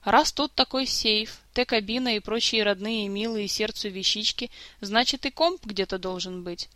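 A woman voicing a grumbling, sarcastic male jester and thief in an audiobook story, gruff and mocking. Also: sits high, moderate pace, sharp tone, no echo.

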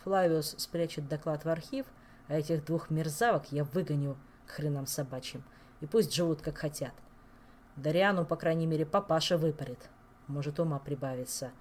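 A woman's voice: low-pitched, moderate pace, a little mellow, slight background noise, natural voice. A woman voicing a weary, stern king who speaks curtly and grumbles. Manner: grumbling, curt.

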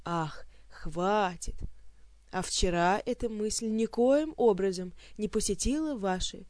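Gruff, scolding warrior hero for an audiobook , read by the narrator, dry close sound. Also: medium pitch, expressive, moderate pace, darkish tone, no room sound, close to an everyday voice. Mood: angry scolding. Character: angry, brawny male warrior hero.

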